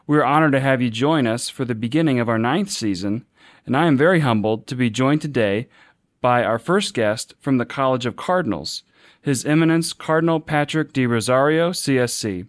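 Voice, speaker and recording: A man's voice: medium pitch, normal speed, dry recording. A man hosting an interview podcast, introducing his guest politely and asking questions. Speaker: podcast host.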